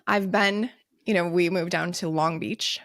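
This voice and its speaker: Chatty thirties woman podcast cohost, bit of vocal fry, dry close sound. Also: on the low side, fairly even intonation, unhurried, fairly bright tone, no room sound. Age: 30s. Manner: chatty, lots of fillers and laughs. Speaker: podcast co-host. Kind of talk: casual chat.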